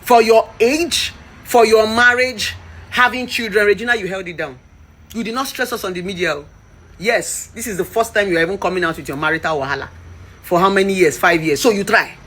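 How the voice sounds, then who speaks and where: A woman's voice: mid-range voice, brisk, a bit bright, husky. A Nigerian woman in her thirties giving a passionate, preachy commentary rant. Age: 30s. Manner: impassioned, preachy, mixes in Pidgin. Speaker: vlogger.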